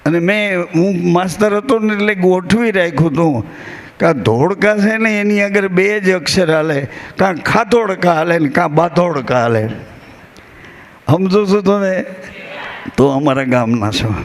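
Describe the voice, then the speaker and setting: Man, rural Gujarati accent, devotional storyteller at a gathering; slow, unhurried, high-pitched, folksy delivery with quoted verses. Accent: Gujarati, rural Saurashtra. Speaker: bhajan singer and spiritual speaker. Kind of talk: devotional discourse to a live gathering.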